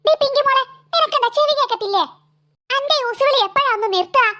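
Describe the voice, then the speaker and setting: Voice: very high-pitched, quick pace, sharp tone. A voice actor playing a cheeky, quarrelsome schoolboy in a cartoon, speaking with a Malabar Malayalam accent. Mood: annoyed. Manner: teasing, bragging, mock-threatening. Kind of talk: animated cartoon voice acting.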